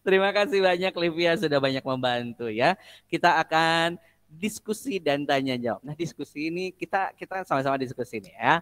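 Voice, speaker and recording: Music teacher guy on a video call, a bit high voiced, jokey, sings do re mi. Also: lively intonation, brisk, a bit bright. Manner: joking, quizzing students and singing solfège drills. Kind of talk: online music lesson.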